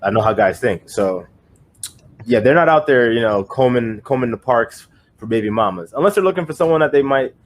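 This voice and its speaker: A man's voice: mid-range voice, expressive, a little fast, a little hiss or hum. A young man co-hosting a podcast, giving his opinions in a rambling, casual way with many fillers and restarts. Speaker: podcast co-host.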